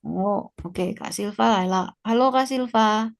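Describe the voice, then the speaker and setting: A woman teaching an online language class at an unhurried pace. She explains each word with patience and reads short dialogues aloud for her students to repeat. Her voice sits at a middle pitch. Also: creaky. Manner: explains slowly, mixing Indonesian and Mandarin, reads dialogue aloud. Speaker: Mandarin teacher.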